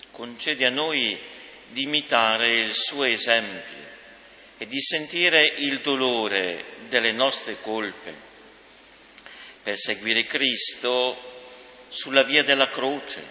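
Slow solemn priest in echoing church. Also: male voice, mid-range voice, bright, forceful tone, a little hiss or hum. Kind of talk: liturgical prayer. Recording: echoey church with long reverb.

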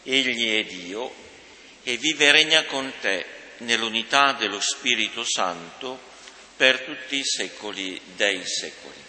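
A male priest intones a liturgical prayer slowly and solemnly. His voice is very bright and cutting. It rings through an echoey church with a long, lingering reverb. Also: medium pitch, lively intonation, slight background noise.

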